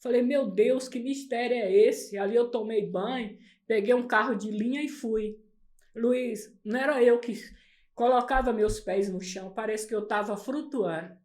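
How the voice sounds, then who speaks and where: Earnest middle-aged woman, higher voice. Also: moderate pace, darkish tone. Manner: earnest storyteller, acts out quoted dialogue. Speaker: podcast guest. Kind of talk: personal faith testimony in conversation.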